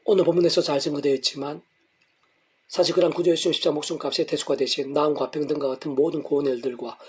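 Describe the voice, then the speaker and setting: A man's voice: on the high side, fairly even intonation, quick pace, breathy edge. A middle-aged man pastor reading a devotional sermon in long, flowing, earnest sentences.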